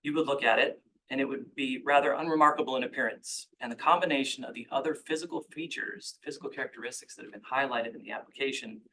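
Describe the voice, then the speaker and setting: A man giving formal public comment at a commission hearing, measured and argumentative. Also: medium pitch, sharp tone, slight background noise, poor audio.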